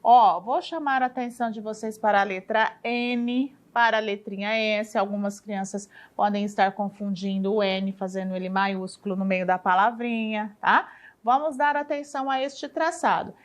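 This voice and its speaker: A woman with a Brazilian Portuguese accent teaching young children, speaking slowly and patiently, drawing out words and checking in with a questioning "tá?" after each point. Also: medium pitch, fairly even intonation. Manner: ends phrases with a questioning "tá?". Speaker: primary school teacher. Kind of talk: recorded classroom lesson for children.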